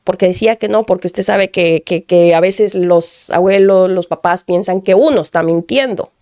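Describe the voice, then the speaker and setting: A woman's voice: lowish voice, moderate pace, dark tone, no echo, clean studio sound. A woman from Guatemala giving an earnest personal testimony, repeating phrases and often addressing the pastor. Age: adult.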